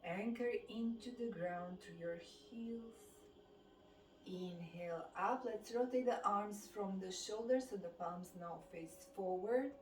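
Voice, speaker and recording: Leading a qigong session, a Romanian-accented woman who works as a fitness instructor gives calm, unhurried instructions that follow the breathing. She's recorded from some distance, so her mid-pitched voice carries a roomy echo over a faint hum of ambience.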